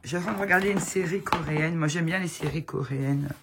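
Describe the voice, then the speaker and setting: A woman's voice: low-pitched, fast, noisy background. A woman with a cold chatting casually to her viewers at home, fondly showing off new items she loves. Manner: chatty, fond, gushing over the items. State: has a cold, voice affected. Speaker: tarot channel host. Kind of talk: casual show-and-tell chat to viewers.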